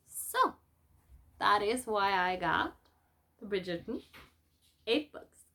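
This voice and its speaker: Speaking high, bright and a bit pushed, this native Norwegian book vlogger talks through her latest haul in a relaxed chat to camera. Her Norwegian accent comes through clearly.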